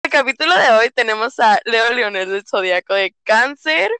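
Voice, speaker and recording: A woman's voice: fairly high pitch, expressive, normal speed, sharp tone, faint music behind. A woman hosting a casual podcast interview, chatty, playful and teasing. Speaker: podcast host.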